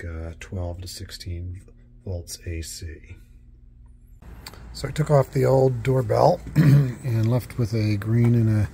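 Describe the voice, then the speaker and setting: A man with a low, warm voice narrates a DIY home how-to video, speaking haltingly with frequent fillers and restarts. He's off screen, recording on a handheld phone camera indoors and at a house's front door, with slight background noise.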